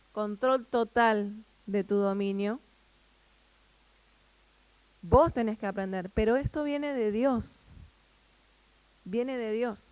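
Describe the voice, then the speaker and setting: A woman with a Rioplatense Spanish accent gives a Bible teaching at a women's meeting, explaining word by word and asking her listeners questions. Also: a little high. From Argentina.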